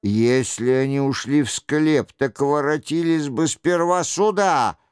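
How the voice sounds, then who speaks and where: A man voicing a sharp, commanding jester who questions brusquely. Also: a little high, a little slow, clear, resonant tone, no room sound, studio quality, natural voice. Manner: brusque, demanding.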